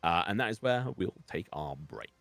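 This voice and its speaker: A man's voice: low voice, sing-song, moderate pace, creaky, fairly bright tone, no echo. A man narrating as game master of a live-streamed tabletop game, rambling with many fillers, his voice a little weak. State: slightly weak voice. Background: faint music.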